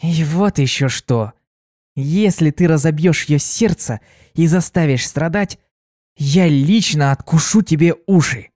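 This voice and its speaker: Brief: a man doing a sly blue pony mare, bubbly and teasing, pitched high, dry close sound. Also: expressive, unhurried, a little mellow, dry recording. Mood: menacing. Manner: bubbly, teasing, turns menacing. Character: cheerful sly blue female pony, fiercely protective.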